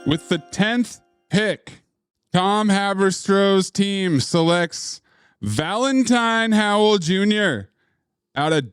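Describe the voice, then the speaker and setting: A man's voice: high voice, lively intonation, slow, a bit bright, smooth, soft background music. A man reading out draft picks in a formal mock announcer delivery.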